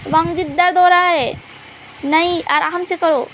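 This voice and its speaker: A woman's voice: extremely high pitch, fairly even intonation, fairly bright tone, a little hiss or hum. A woman doing a whiny, touchy young merman. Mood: whining in pain. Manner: whiny, quick to scold.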